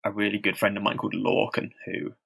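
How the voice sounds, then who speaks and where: A man's voice: on the low side, monotone, fast, creaky, a bit bright, husky. Chatty man who stammers. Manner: stammers, with blocks and repeated sounds; loose and chatty, with lots of fillers and self-deprecating asides. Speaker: podcast co-host. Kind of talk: casual chat.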